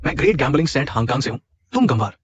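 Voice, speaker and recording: An actor playing a sneering, menacing male gang boss in a dubbed short drama, with a husky voice. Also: mid-range voice, very animated, very fast, no room sound, dull audio. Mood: scornful. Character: sneering male gambling-den thug boss.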